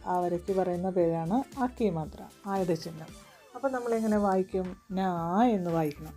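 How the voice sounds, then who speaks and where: A woman leads a children's reading lesson in a mellow, warm voice. She sounds each word out slowly, syllable by syllable. Faint music plays behind her. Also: lowish voice. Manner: slow, syllable-by-syllable spelling. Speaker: teacher.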